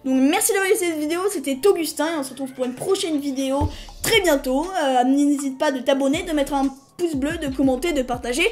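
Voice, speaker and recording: High-voiced woman giving a software tutorial. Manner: casual and chatty, often hesitant with restarts; apologetic asides to viewers. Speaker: tutorial host. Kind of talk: screen-recorded software tutorial.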